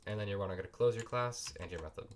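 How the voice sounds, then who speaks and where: A man's voice: on the low side, rapid-fire, slight background noise. A man with a sick voice walks through a coding tutorial in a casual, apologetic way, recorded at a home computer desk. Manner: loose and apologetic, talks while clicking through steps. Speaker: tutorial host.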